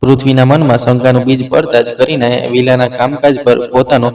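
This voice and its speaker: Sex: man. Role: storyteller. Style: scripted narration, steady and deliberate. Delivery: monotone. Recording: echoey room, distant mic. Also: mid-range voice.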